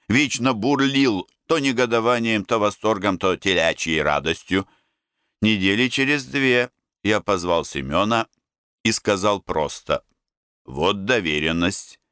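A man reading literary prose aloud as an audiobook narrator, in a measured, calm, deliberate way. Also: fairly low pitch, smooth, no room sound, studio quality.

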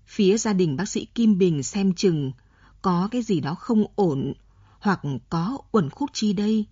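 A woman narrating a novel in a steady storytelling manner. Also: lowish voice, slightly rough, dry recording, lo-fi sound. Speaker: audiobook narrator.

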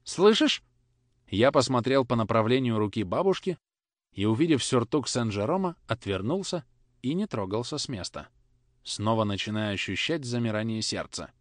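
A man narrating an audiobook in a measured, expressive reading. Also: mid-range voice, no room sound, clean studio sound. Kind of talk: scripted narration.

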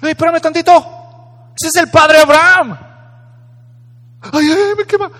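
A man's voice: very high voice, a little slow, bright, forceful tone, voice pushed up, heavily acted. A man voicing a rich man in torment who wails and pleads frantically. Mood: anguished pleading. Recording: echoey hall.

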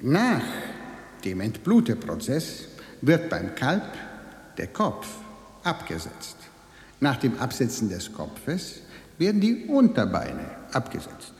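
In a radio drama, a man plays an evasive, officious slaughterhouse manager leading a tour with pedantic precision and veiled menace, his mood clinical and matter-of-fact. His mid-range voice swoops wildly in pitch, moving slowly with a darkish tone in full character. It's recorded in an echoey hall with long reverb.

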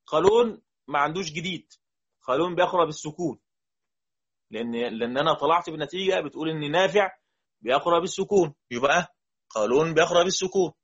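Husky Egyptian man teaching Quran recitation. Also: on the high side, fairly bright tone, no room sound, dull audio. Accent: Egyptian Arabic. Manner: explains, then chants quoted verses slowly. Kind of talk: recorded lesson on recitation variants.

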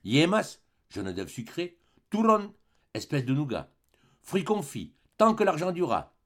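A man's voice: on the high side, a little slow. A man reading a classic novel aloud as a volunteer audiobook narrator, telling it expressively. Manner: expressive storytelling. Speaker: audiobook reader. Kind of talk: scripted narration.

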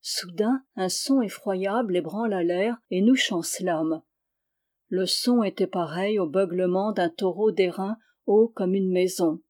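A woman narrating a literary novel aloud, calm and measured, with expressive phrasing. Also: medium pitch. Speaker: audiobook reader.

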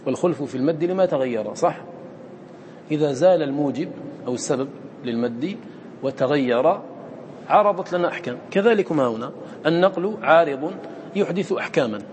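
A man's voice: fairly high pitch, expressive, brisk, pauses often, darkish tone, slight background noise. A man teaching Quran recitation in a classroom lesson, asking his students questions and answering them himself, sometimes chanting verses in a melodic recitation.

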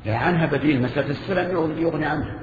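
An older man, teaching a religious lesson in a conversational way, with halting restarts and questions to his students. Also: on the high side, noisy background. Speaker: Islamic scholar teaching a lesson. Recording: echoey hall, muffled lo-fi archive tape.

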